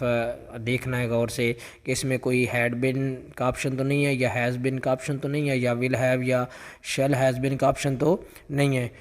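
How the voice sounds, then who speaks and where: A man teaching English grammar for a job test, explaining each answer with lots of repetition and reading the English sample sentences out slowly. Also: mid-range voice, long reverb tail. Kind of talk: explaining exam questions.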